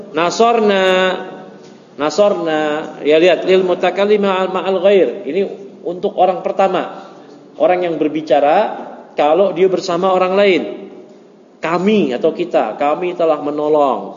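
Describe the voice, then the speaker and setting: A man's voice: fairly high pitch, measured pace, long pauses, a little hiss or hum. Man teaching grammar in an echoey room. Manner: joking, chatty, mixes Arabic terms into relaxed explanation. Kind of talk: informal classroom lesson. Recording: muffled echoey room recording.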